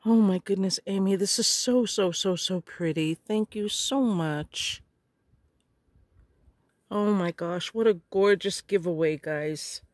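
A middle-aged woman, a little hoarse, chatting casually and gushing as she opens craft supplies. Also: mid-range voice, no room sound, studio quality. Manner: gushing, slow and murmuring. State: hoarse, clearing her throat. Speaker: craft vlogger. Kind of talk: casual unboxing chat.

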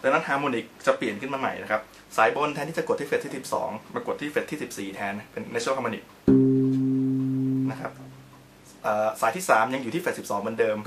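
A man gives a relaxed guitar lesson at a middle pitch, chatty and polite as he walks through each step. He demonstrates on the instrument as he talks, and his own guitar playing rings out clearly between his explanations. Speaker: guitar teacher. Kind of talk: casual instructional video. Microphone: own camera.

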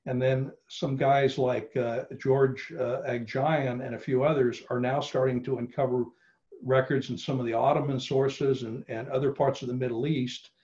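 This middle-aged genealogy presenter talks at a moderate pace and level tone, his medium-pitched voice on the dark side. His casual online presentation is full of fillers and restarts, delivered through slightly dull video call audio.

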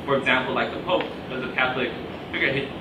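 A man's voice: medium pitch, rapid-fire, noisy background. Hesitant young man, far off in an echoey room. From born in Australia, raised in Shanghai. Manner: hesitant, many fillers. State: sick, coughing. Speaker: audience questioner.

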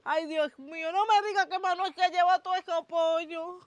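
A woman's voice: extremely high pitch, steady tone, moderate pace, no echo. A woman playing a distraught farm worker who cries and pleads, in an amateur short-film drama. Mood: despairing. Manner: wailing, pleading, calls on God. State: crying. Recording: dull lo-fi dry recording.

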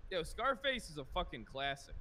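A man bantering excitably and swearing in casual roleplay. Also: fairly high pitch, normal speed, slight background noise. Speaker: roleplay player.

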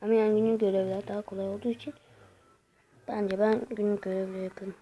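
A young woman giving casual gameplay commentary, talking straight to her viewers with frustrated, excitable outbursts. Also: medium pitch, quick pace, dull audio.

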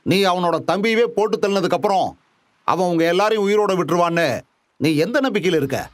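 A man's voice: sits high, quick pace, no echo, natural voice. An actor dubbing a scheming male gang boss who talks down to people with coaxing threats, in a film dub. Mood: menacing.

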